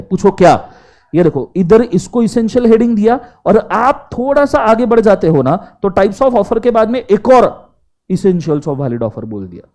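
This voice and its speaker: A man teaching law in a classroom lecture, mixing Hindi and English and often asking the class to answer aloud. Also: high-pitched. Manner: animated, quizzes the class in Hindi mixed with English.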